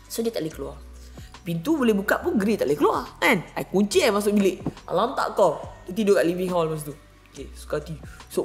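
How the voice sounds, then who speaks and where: A married woman vlogging, telling a casual story with lively acted-out quotes and English words mixed in. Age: adult, married. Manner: animated, acts out quotes with big pitch jumps, mixes English in.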